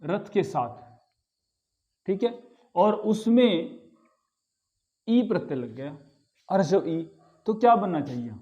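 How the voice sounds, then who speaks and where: A man's voice: high-pitched, animated, takes it slowly, long pauses, warm tone, highs cut off. A man teaching a grammar lesson, patiently repeating key words and asking the class rhetorical questions. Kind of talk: explanatory lesson.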